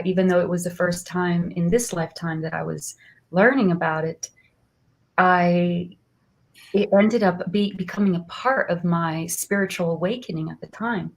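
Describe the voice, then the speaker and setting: A woman, an astrologer guest telling her story in an earnest, soft-spoken way. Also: lowish voice. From Brazil. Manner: soft-spoken, earnest, laughs often, frequent restarts. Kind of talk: warm personal interview storytelling.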